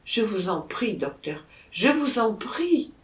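A woman's voice: mid-range voice, very animated, measured pace, darkish tone. A woman reading the lines of an anxious husband who pleads with a doctor, in an imploring, urgent manner. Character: anxious middle-aged husband, pleading and polite. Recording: roomy echo.

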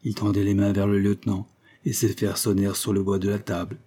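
A man reading a novel aloud at a measured, even pace. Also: on the low side. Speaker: audiobook narrator. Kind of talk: scripted narration.

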